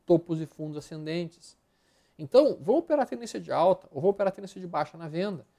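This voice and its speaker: A man's voice: a little high, expressive, quick pace, creaky, warm tone. A man with a Brazilian Portuguese accent giving live stock market commentary over charts, blunt and slangy, rattling off repeated words as he flips through them.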